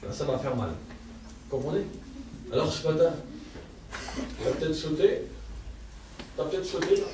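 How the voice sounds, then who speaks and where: A man's voice: fairly high pitch, lively intonation, moderate pace, pauses often, mellow, a little hiss or hum. A man preaching a heartfelt testimony sermon at a church service, with a stammer and simple, fervent speech. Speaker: lay preacher. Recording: distant echoey church hall sound.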